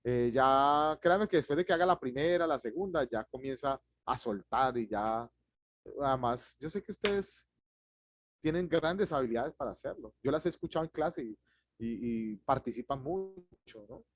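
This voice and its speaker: Fast-talking man teaching a class. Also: mid-range voice, no room sound. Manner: fast, lively, self-deprecating with chuckles. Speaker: teacher of public speaking. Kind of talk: online class lecture.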